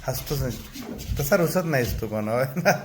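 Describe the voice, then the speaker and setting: Gently teasing man interviewing a child. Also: mid-range voice, lively intonation, moderate pace, noisy background. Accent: Marathi. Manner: gently teasing, coaxing questions. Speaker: teacher interviewing a pupil.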